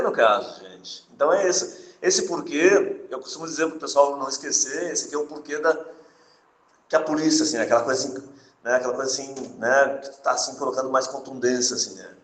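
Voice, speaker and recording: A man's voice: mid-range voice, a bit bright, echoey room, rough recording. A male teacher giving an adult-education grammar lesson. He is chatty, repeats his points, tags his sentences with little checks for agreement, and jokes with the class before going back to the rule. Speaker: Portuguese teacher.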